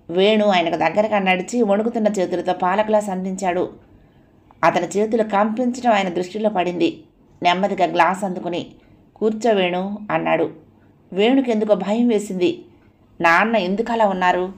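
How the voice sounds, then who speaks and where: A woman narrating an audio novel with expressive storytelling. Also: mid-range voice.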